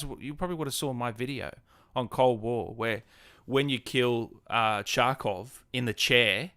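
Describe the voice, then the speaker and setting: A man with an Australian accent hosts a gaming livestream, talking informally and addressing his audience like mates while he answers their comments. His voice is medium-pitched and a little bright, captured at studio quality with no echo.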